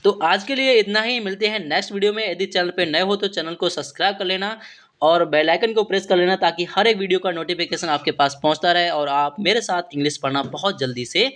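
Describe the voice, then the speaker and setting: A man giving a spoken vocabulary lesson, spelling each English word letter by letter and repeating its meaning in Hindi with a steady "okay". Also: high voice, brisk. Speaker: English teacher.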